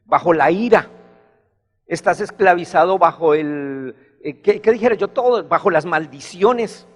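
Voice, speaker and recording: A man's voice: fairly high pitch, big-room sound. A man preaching a sermon, rising into emphatic bursts as he retells a story.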